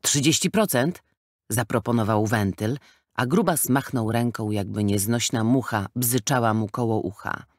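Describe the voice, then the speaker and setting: A man narrating a children's audiobook in an even storytelling manner. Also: fairly low pitch, moderate pace, no room sound. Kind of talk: scripted narration. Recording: dry close studio sound.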